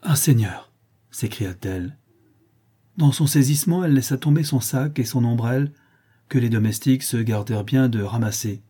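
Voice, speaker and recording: A man narrating a classic novel aloud in a measured, even storytelling manner. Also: mid-range voice, husky. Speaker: audiobook narrator. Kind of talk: scripted literary narration.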